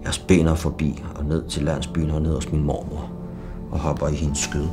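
A middle-aged man telling his own life story in a slow, blunt, confessional way, with bursts of swearing. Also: extremely low pitch, flat delivery. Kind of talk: personal testimony narration. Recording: music playing behind.

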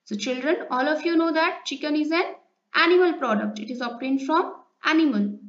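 A woman's voice: high voice, moderate pace, fairly bright tone. A woman with an Indian accent teaching children a school science lesson, reading aloud and explaining in a didactic, questioning way. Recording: roomy echo, dull lo-fi sound.

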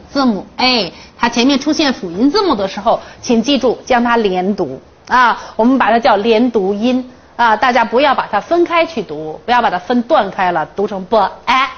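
A woman English teacher leading a classroom phonics lesson, drilling the class with counted chants and playful, teasing questions. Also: on the high side. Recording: dull lo-fi classroom recording.

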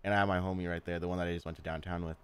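A man's voice: low-pitched, level tone, rapid-fire, clear, resonant tone. A young man hosting a podcast, telling a school story in casual chat, acting out quotes and laughing often. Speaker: podcast host.

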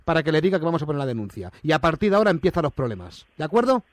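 Now angry and threatening, a man with a Spain Spanish accent voices a bullying, indignant company manager on a prank call, shifting between formal, hesitant wording and coarse, blunt threats. His voice sits on the high side with big pitch swings, rattling out words rapidly in a dry recording.

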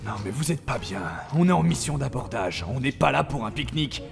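A man's voice: mid-range voice, animated, a little fast, vocal fry. A man playing an uptight, grumbling soldier in a science-fiction audio drama. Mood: scolding. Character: uptight, grumbling male soldier minding the mission. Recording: long reverb, music underneath.

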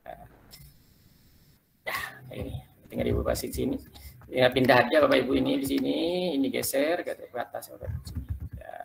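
A man leading a quick, loose tutorial for teachers, talking them through slides step by step. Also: medium pitch, vocal fry, fairly bright tone, slight background noise. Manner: quick, loose explaining, keeps addressing listeners as "Bapak Ibu". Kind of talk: live screen-share tutorial.

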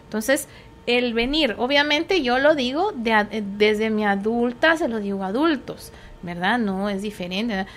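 A woman's voice: a little high, normal speed, slight background noise. A middle-aged woman, a psychologist, explaining things patiently in conversation and often checking that her listener agrees. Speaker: psychologist guest.

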